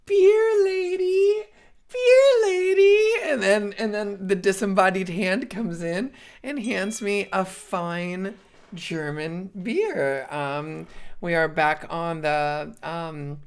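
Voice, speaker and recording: A woman's voice: lowish voice, slow, clean tone. A jet-lagged woman hosting a live stream in casual chat, rambling in a scattered way, swearing and laughing often. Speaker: livestream host.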